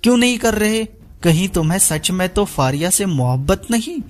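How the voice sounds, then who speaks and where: A man's voice: sits high, expressive, normal speed, voice pushed up. A man voicing a scheming young woman villain who talks in a sneering, taunting way. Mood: smug scheming.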